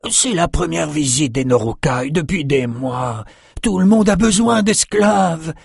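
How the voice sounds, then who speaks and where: A grasping nobleman, as a male narrator puts him on, drawing out his complaints in a high voice. The sound is dry and close. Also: animated, unhurried, vocal fry, a little mellow, husky, no room sound, full character voice. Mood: complaining.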